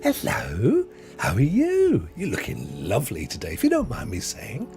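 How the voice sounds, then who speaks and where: A British man hosting a relaxed gaming livestream from a home setup. He talks in a jokey, rambling way and often restarts his sentences, and his pitch swings widely up and down. Soft music plays faintly behind him. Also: moderate pace, vocal fry. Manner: chatty, jokey, rambling with self-corrections. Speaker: host. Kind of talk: casual chat on a gaming livestream.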